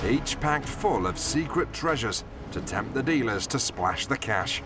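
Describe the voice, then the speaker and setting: A man's voice: medium pitch, lively intonation, measured pace, over music. A man reading scripted narration for a television documentary.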